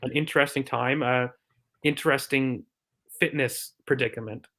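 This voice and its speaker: A man chats about football on a podcast at an ordinary, mid-range pitch. He thinks aloud with plenty of "um"s and restarts, breaking things down like a physio would. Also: steady tone, normal speed, sharp tone. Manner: thoughtful, filler-heavy, explains from a physio view. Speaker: podcast co-host. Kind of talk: casual football chat.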